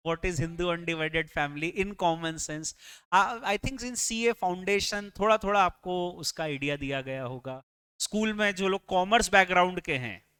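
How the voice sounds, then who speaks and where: A male tax lecturer with an Indian English accent, speaking in a high, bright and crisp voice. He talks at an unhurried pace, walking the class through each point and putting questions to them. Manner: explains step by step, asking the class questions; mixes English phrases into his speech.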